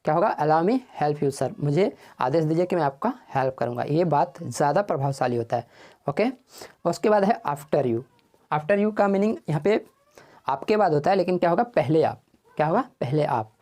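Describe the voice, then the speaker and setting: Male English teacher, mellow voice, drills phrases slowly and quizzes the class, answering his own questions. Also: on the high side, animated. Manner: asks the class questions and answers them himself. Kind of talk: spoken English lesson in Hindi.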